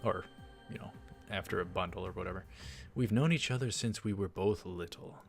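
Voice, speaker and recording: A low-pitched, gravelly male voice moves fairly quickly as he narrates a visual novel in a let's play. He keeps adding casual, hesitant, meandering comments, and the game's music is faintly audible.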